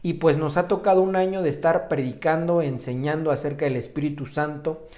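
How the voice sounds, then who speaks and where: A man with a Mexican Spanish accent preaching and praying to a remote congregation, hesitant with many fillers and restarts, often clearing his throat. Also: on the high side, steady tone, a little fast, dark tone. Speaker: pastor. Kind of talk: sermon and prayer. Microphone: online stream to a remote congregation.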